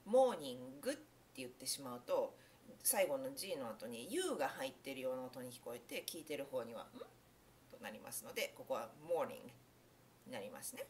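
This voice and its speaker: A woman's voice: a bass voice, big pitch swings, a little fast, a little hiss or hum. A young woman teaching English pronunciation in a casual spoken lesson, explaining in a friendly way with many fillers and self-corrections.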